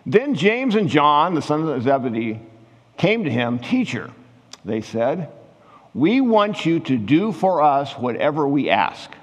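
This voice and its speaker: A man giving a conversational sermon as a pastor, growing animated when he retells scenes from scripture. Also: medium pitch, unhurried. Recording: long hall reverb.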